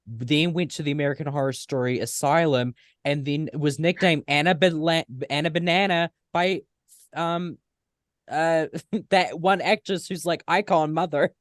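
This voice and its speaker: A co-host bantering on a casual panel in a joking, campy manner. The voice is mid-pitched and recorded dry. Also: fairly even intonation, normal speed, no echo. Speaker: podcast co-host.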